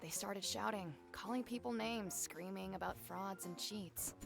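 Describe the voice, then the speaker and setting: An actress voicing a composed, proud adult female violinist in game dialogue, telling her story with measured, dry disdain. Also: medium pitch, vocal fry, music in the background. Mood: wry. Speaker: violinist character.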